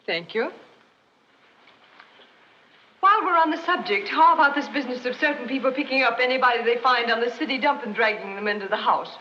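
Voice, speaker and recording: An actress playing a spiteful, snobbish young daughter with a haughty, snide manner, on an old 1930s film soundtrack. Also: female voice, a little high, fast talker, pushed and bright. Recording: dull lo-fi 1930s film soundtrack, faint hiss.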